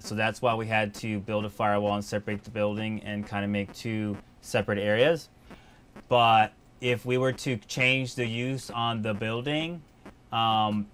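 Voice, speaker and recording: A man's voice: on the low side, fairly bright tone, a little hiss or hum. A man hosting a podcast, talking casually and rambling through a long explanation. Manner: rambling, conversational, with fillers and restarts. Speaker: podcast host and business owner.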